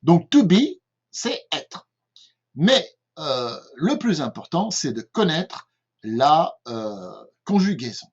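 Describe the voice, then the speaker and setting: Speaking slowly in a fairly high, husky voice with big pitch swings, an older French English teacher with a French accent patiently repeats himself in a home-made lesson. He keeps asking his listeners "d'accord?", captured on a dull lo-fi recording.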